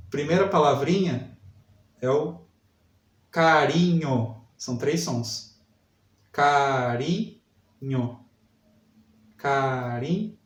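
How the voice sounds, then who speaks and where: A man teaching a literacy lesson, sounding out syllables slowly and repeating each word. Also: a little high, distant mic. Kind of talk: slow spelling lesson for adult learners. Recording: echoey room, voice set back from mic.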